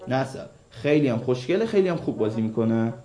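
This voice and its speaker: A man's voice: medium pitch, expressive, mellow, soft background music. A man co-hosting a radio show, recommending series in a casual, teasing banter. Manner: teasing, joking.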